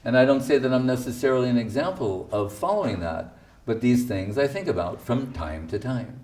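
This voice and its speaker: Lively in intonation and fairly quick, a man of medium pitch and darkish tone speaks far from the mic. In an informal spiritual talk, he tells anecdotes about his guru's teachings, quotes others, and drops wry asides.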